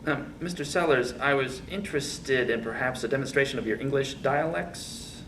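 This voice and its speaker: A man's voice: medium pitch, normal speed, fairly bright tone. A man playing a mock-formal, over-polite interviewer in a comic sketch. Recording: distant mic with faint hiss.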